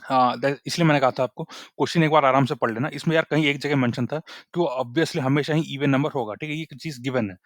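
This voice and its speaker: A man's voice: mid-range voice, dry recording, clean studio sound. A young man explaining a coding problem in a casual lesson, checking in constantly with his listeners. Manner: chatty, repeats "ठीक है?" after nearly every point. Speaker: coding tutor.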